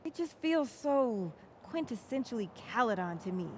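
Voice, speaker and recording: An outspoken young woman student from a video game, earnest and pointed as she speaks up. Her voice sits fairly high, and she presses every point with conviction. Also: very animated, moderate pace, a little mellow, a little hiss or hum. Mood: frustrated.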